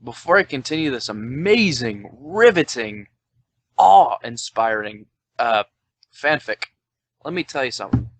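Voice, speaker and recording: A man's voice: mid-range voice, big pitch swings, measured pace, no room sound. Tipsy twenty-one-year-old man, rambling. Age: 20s. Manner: loose, rambling, swearing, reading aloud with mock quoting. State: drunk. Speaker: podcast host. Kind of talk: tipsy casual podcast chat. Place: indoors at home, Tennessee.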